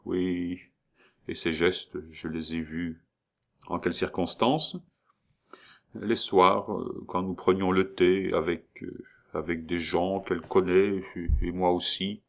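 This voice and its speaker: A man's voice: deep voice, flat delivery, slow pace, gravelly, heavily acted. A man playing a frightened, feverish sick nobleman who stammers out trembling pleas, in a storybook reading. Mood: hesitant. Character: frightened, feverish sick male count, pleading.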